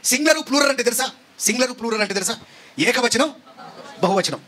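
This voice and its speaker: Give me a male pastor with a very high, bright voice, preaching hard. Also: lively intonation, fast talker. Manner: emphatic, rhetorical questions, rising to shouts. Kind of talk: sermon.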